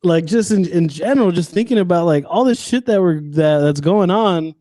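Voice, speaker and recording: A man's voice: high-pitched, animated, a little fast, warm tone, no room sound. A man in his twenties, a podcast guest in casual chat, rambling with many restarts and swearing freely. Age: 20s.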